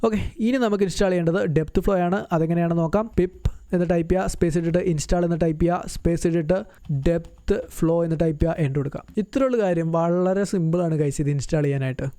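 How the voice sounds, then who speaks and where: A man walks through a software install step by step, chatty and quick to correct himself. His voice is slightly high, mellow and smooth, and the words tumble out very fast. The recording is dry and close, with no room sound. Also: fairly even intonation, no room sound. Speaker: tutorial host. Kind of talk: screen-recorded software tutorial.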